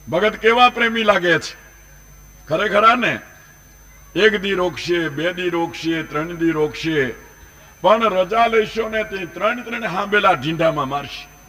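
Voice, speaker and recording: A man voicing a humble, clever village wife who speaks softly and pleadingly in a folk tale. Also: on the high side, a little slow, long pauses.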